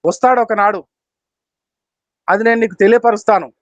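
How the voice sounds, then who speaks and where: A man's voice: sits high, moderate pace, no echo, natural voice. Stern fatherly God, as a preacher puts him on. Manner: scolding, repetitive commands. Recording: dull, dry lo-fi recording.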